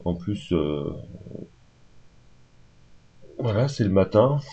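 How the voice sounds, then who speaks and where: Just-woke-up guy vlogging off the cuff, lots of ums, low mellow voice. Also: very animated, moderate pace, husky. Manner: rambling, hesitant, many fillers. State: just woken up. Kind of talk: unscripted casual talk to camera. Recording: dull lo-fi home recording.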